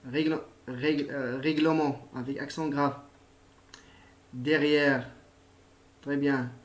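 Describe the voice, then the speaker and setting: A man with a mid-range, level voice teaches a spelling lesson to primary school pupils, speaking slowly and patiently and addressing them directly.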